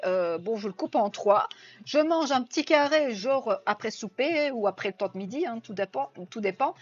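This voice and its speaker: Chatty Belgian woman on a live stream. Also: a little high. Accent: Belgian French. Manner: chatty, reads viewer comments aloud and answers them. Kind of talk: casual live-stream chat. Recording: dull lo-fi sound with faint music.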